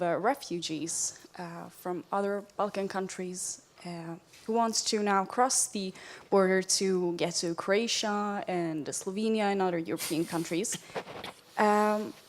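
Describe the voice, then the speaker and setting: A woman's voice: medium pitch, unhurried. Woman asking the panel a question in english, lots of uhs. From Bosnia. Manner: hesitant, with many filler sounds. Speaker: audience member asking a question.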